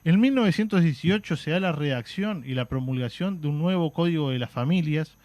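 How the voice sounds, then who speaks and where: A Uruguayan-accented radio guest talks history on a talk show in a slightly high, darkish voice, animated and brisk. He explains patiently yet frequently stops on "este" and "eh" and starts over. His studio microphone captures no room sound.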